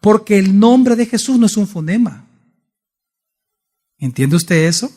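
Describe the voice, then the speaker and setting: High-voiced man preaching. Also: lively intonation, measured pace, warm tone. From El Salvador. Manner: asks the congregation frequent questions. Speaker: pastor. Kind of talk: Bible study sermon. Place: church.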